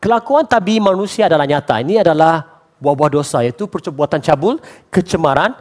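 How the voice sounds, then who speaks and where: Animated Bornean pastor, slightly high voice. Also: male voice, brisk. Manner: animated, mixes English phrases into his preaching; acts out quoted voices for humor. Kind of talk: lively sermon.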